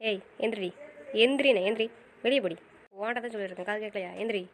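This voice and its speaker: Woman doing a fast-talking furious young wife, snapping threats, amateur web drama. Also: mid-range voice, slight background noise, natural voice. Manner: sharp, scolding, threatening. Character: fierce jealous young wife, quick to rage.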